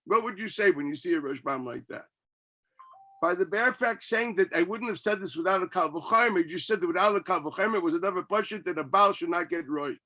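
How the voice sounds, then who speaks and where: A man's voice: high voice, fairly quick, bright, forceful tone. A man gives a Talmud class as a rabbi, reading text and arguing through it with his own questions and answers.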